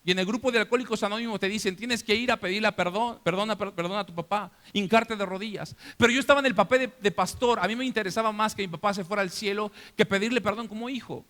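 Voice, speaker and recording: A man's voice: sits high, fairly even intonation, fast talker, hardly any pauses, fairly bright tone, big-room sound. A middle-aged Mexican man, a pastor, preaching a personal testimony with emotion, acting out family voices. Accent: Mexican Spanish. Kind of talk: sermon testimony. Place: church.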